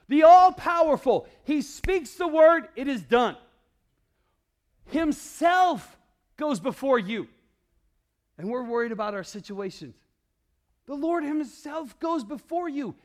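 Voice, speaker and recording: A male pastor preaching a sermon, calling out to the congregation and swinging between loud declarations and hushed, low passages. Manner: calls out to the congregation.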